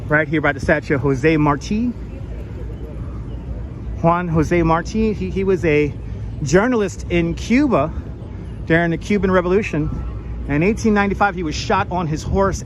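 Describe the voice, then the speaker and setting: A man giving a live walking tour to online viewers, with a projected tour guide delivery as he points out sights outdoors. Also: fairly high pitch. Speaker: tour guide and livestream host. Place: outdoors on busy city streets and park edge. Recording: clearly noisy outdoor street recording. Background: traffic and urban street noise.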